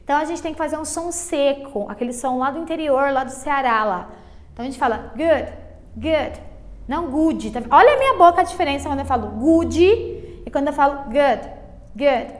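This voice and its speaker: High-voiced Brazilian woman teaching English. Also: expressive. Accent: Brazilian Portuguese. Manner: patient, drawn-out explanations full of diminutives and check-ins like "ok?". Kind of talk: online English lesson for beginners.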